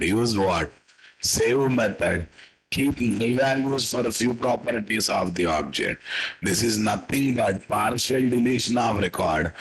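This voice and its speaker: A programming instructor with a husky, lowish voice and a Telugu-influenced Indian accent teaches a live coding lesson in a low-quality recording. He repeats his statements and quizzes listeners with tag questions.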